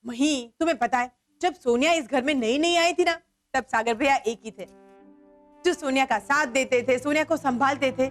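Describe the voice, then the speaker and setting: Casting female: gentle peacemaker sister-in-law, high voice, TV serial. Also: moderate pace, faint music behind, close to an everyday voice. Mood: coaxing. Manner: coaxing, explanatory. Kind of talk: TV serial acting.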